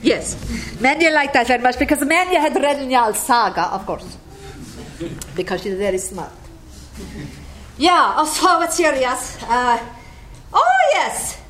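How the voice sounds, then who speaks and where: Sharing memories of a friend with a group, an Icelandic-accented woman drifts through meandering, casual anecdotes and laughs frequently. She has a high, a bit bright voice with big swings in pitch, and she takes her time, leaving long pauses.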